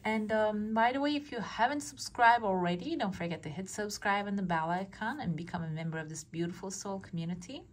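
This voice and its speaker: A woman's voice: mid-range voice, brisk, hardly any pauses. A woman speaking as a fortune teller, giving a casual, conversational reading straight to the listener. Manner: fortune teller's direct address to the listener, often checking with "okay?". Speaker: fortune teller, channel host. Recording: clearly noisy background.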